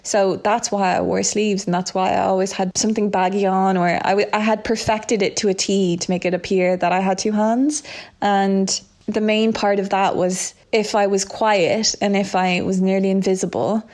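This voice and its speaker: A woman's voice: mid-range voice, flat delivery, moderate pace, a little mellow. A young Irish woman speaking candidly and reflectively as an interview guest, with frequent fillers and restarts. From Ireland.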